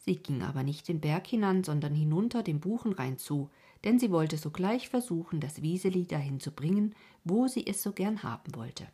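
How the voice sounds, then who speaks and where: A woman narrating a chapter of a classic storybook in an even, measured reading. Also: lowish voice, husky. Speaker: audiobook reader.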